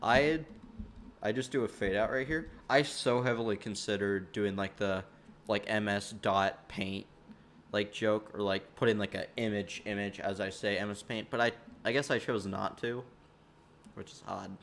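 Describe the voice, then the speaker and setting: A man's voice: fairly low pitch, fairly even intonation, moderate pace, fairly bright tone, slight background noise. A man giving casual behind-the-scenes commentary on his own video, rambling and stumbling over his words with many fillers.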